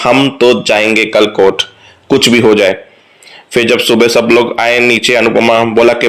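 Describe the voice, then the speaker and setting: A man's voice: medium pitch, a bit bright. Man casually recapping a TV serial. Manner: retells scenes quickly, quoting characters' lines in plain voice.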